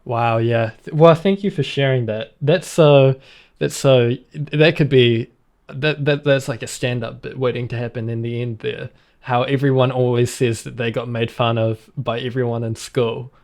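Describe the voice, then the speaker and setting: A man's voice: mid-range voice, steady tone, moderate pace, a little mellow. A man hosting a podcast interview, enthusiastic and affirming toward his guest. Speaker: podcast host. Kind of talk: interview chat.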